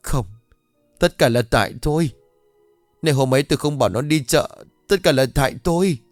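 Sobbing heartbroken old mom from a ghost story, way higher , a guy putting her on, pleading and dragging words out. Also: animated, measured pace, creaky, no room sound, faint music behind. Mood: anguished. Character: grief-stricken older village mother, wailing and guilty.

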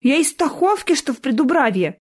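A woman's voice: sits high, very animated, a little fast, a little mellow, voice pushed up. Woman doing a frightened young peasant girl. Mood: earnest. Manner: plaintive, breathless, tearful.

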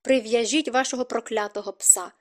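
A woman's voice: on the high side, fairly even intonation, brisk, natural voice. A woman reading the lines of an irritable young male viscount in an audiobook, in a curt, commanding way. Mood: angry.

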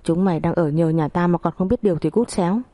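A gruff, commanding older father-in-law lays down the law , as a woman storyteller voices him. Low and mellow, recorded dry and close. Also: fast, no echo, close to an everyday voice. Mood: angry.

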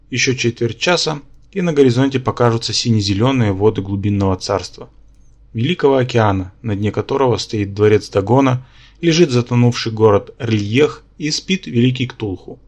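A male audiobook narrator with a mid-pitched voice, reading a first-person fantasy story. His delivery is calm, steady and unhurried. He sounds like a practiced reader carrying a long book. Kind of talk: scripted narration.

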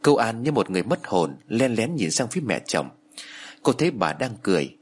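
Husky man narrating a horror story. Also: lowish voice, fairly quick. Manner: expressive storytelling. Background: faint music.

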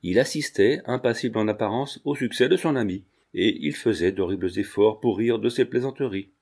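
A man narrating an audiobook with a measured, expressive reading. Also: fairly low pitch, gravelly.

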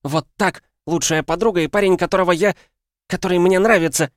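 A man's voice: fairly quick, no echo, clean studio sound, lightly acted. Man doing a shrieking jealous young woman. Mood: shrieking accusing. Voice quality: shrill, screaming.

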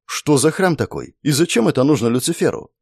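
Snappy sarcastic young woman, pitched way up, dry recording, a guy doing her. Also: expressive, a little fast, a little mellow, slightly rough, dry recording. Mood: sarcastic, irritable. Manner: sarcastic, irritable. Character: sharp-tongued sarcastic young woman, the sister.

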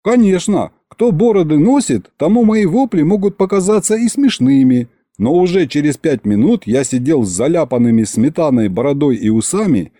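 A man narrating a humorous first-person audiobook in an expressive, wry way. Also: on the high side, moderate pace, few pauses, dry recording, studio quality.

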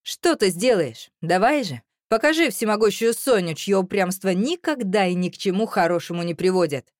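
A woman doing a hot-headed young guy, sharp and loud, dry sound. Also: mid-range voice, expressive, moderate pace, no room sound, natural voice. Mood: mocking. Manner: sharp, raised voice. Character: angry young man, hot-tempered.

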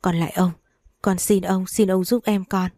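A woman's voice: fairly low pitch, steady tone, moderate pace, dark tone, no room sound, clean studio sound. A woman reading a desperate young servant girl. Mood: pleading. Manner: pleading, tearful.

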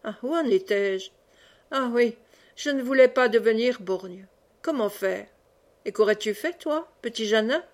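Voicing a jolly old friar who rambles, teases, brawls and banters, a woman narrates an audiobook in a cheerful, jovial mood. She speaks a little high with lively intonation, at a measured pace.

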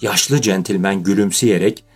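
A man narrating a children's audiobook in a steady, measured storytelling style. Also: low-pitched, slightly rough, soft background music. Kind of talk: scripted narration.

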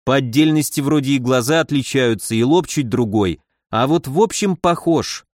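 A man reading a first-person story aloud as an audiobook narrator, with a wry, brisk manner. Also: medium pitch, no room sound, studio quality.

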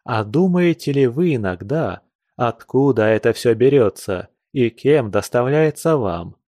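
A man's voice: mid-range voice, expressive, a little slow, mellow, no echo, studio quality, close to an everyday voice. A man reading a classic novel aloud, voicing a passionate, earnest young nobleman with urgent, lecturing speech. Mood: fervent.

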